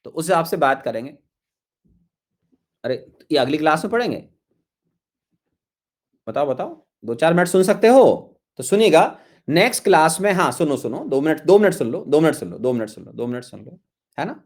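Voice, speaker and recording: A male chemistry teacher gives an online lecture. His voice sits a little high for a man. He coaxes and repeats himself, calling his students his children. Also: sing-song, moderate pace, pauses often. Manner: coaxing, repeats phrases, calls students "my children".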